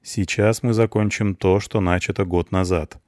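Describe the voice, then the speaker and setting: A man reading an audiobook, voicing a merciless executioner who speaks slowly, calmly and evenly. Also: sits low, no room sound, studio quality, lightly acted. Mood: cold calm. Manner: slow, measured, cold. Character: calm slow merciless executioner father.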